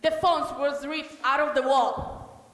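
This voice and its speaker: A woman's voice: high voice, fairly even intonation, racing, a bit bright. A woman playing an insistent young French maid in a comic stage play. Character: timid but insistent French maid girl. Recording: echoey hall, faint room noise.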